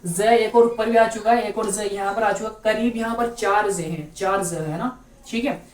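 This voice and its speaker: A woman's voice: medium pitch, steady tone. Female teacher, patient and repetitive, mic set back in an echoey room. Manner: patient, repeats each letter slowly with frequent "theek hai". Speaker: Urdu teacher. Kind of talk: online language lesson. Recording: roomy, distant mic with faint background noise.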